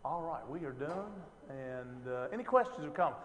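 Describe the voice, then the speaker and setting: A man's voice: medium pitch, animated, moderate pace, fairly bright tone, big-room sound, a little hiss or hum. A man teaching an informal Bible lesson, talking conversationally with lots of fillers and rhetorical questions.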